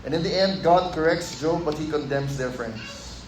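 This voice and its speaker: Man, pastor, sermon, high voice, chatty and animated, acts out quotes, echoey hall, faint room noise. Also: normal speed. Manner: conversational, animated, mixes in Filipino words and acts out quotes. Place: church hall.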